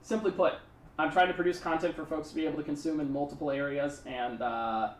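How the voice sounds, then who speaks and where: A man's voice: fairly high pitch, steady tone, fairly quick, reverberant, distant mic, a little hiss or hum. A man streaming a card game, talking through his plays in a rambling, chatty way and thanking subscribers. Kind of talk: casual live-stream commentary.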